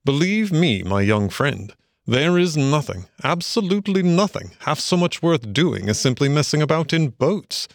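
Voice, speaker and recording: A man's voice: fairly high pitch, very animated, normal speed, dry recording, clean studio sound, voice pushed up. A man reading a storybook aloud, voicing a genial, dreamy male water rat who speaks solemnly and enthusiastically.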